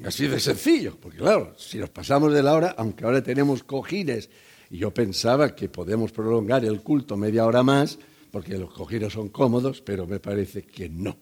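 Older man, sermon, conversational, acts out voices, lively pitch. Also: normal speed, husky. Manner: conversational, joking asides to the congregation; acts out quoted voices in the story. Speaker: pastor.

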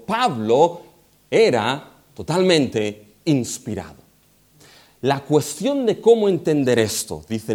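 A man from preaching an expository sermon, slowing down to stress quoted scripture. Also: fairly high pitch. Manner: animated, slows for emphasis on scripture quotes.

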